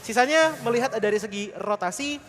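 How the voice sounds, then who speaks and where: High-voiced Indonesian male esports analyst, reverberant. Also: expressive, fairly quick, fairly bright tone. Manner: wordy, analytical. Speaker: esports match commentator. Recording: hall-like reverb, music behind. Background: music.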